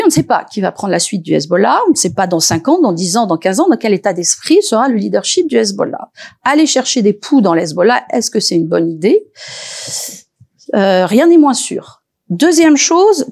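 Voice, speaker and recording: A woman researcher speaking as an expert on a panel, lively and animated, often pausing with hesitations and restarts. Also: mid-range voice, gravelly, husky. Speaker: researcher and lecturer. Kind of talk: expert talk at a panel discussion.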